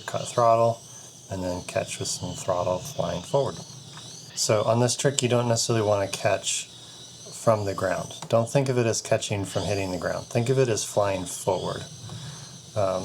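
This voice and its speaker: A man's voice: lowish voice, a little hiss or hum, poor audio. A man who flies FPV drones, casually walking through trick instructions step by step. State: out of breath. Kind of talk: casual tutorial explanation.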